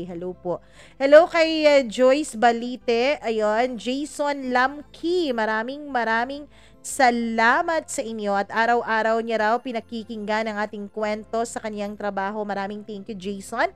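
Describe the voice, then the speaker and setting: A woman hosting a podcast talks in a relaxed, chatty way and slips in playful jokes. Her voice is smooth and sits fairly high. Soft music plays faintly underneath. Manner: chatty, teasing, laughs at her own jokes. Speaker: podcast host reading listener shout-outs. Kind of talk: casual chat.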